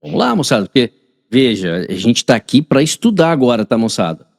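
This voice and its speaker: A man's voice: medium pitch, sing-song, a little fast, creaky, no echo, studio quality, big-room sound. Chatty Brazilian man teaching a class. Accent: Brazilian Portuguese. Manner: chatty, asks the class constant check-in questions. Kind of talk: online class, correcting a mock exam.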